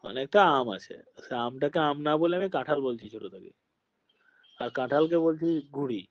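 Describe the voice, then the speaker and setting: A man's voice: a little high, animated, normal speed, no room sound, muffled recording. A male teacher from Birbhum giving a patient classroom lecture, often checking that his students follow. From Birbhum, West Bengal.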